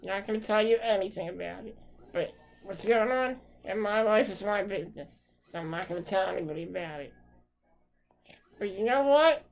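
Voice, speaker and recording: A woman's voice: mid-range voice, expressive, normal speed, creaky, darkish tone, lo-fi sound. A woman hockey fan delivering an angry, profane rant straight to the camera.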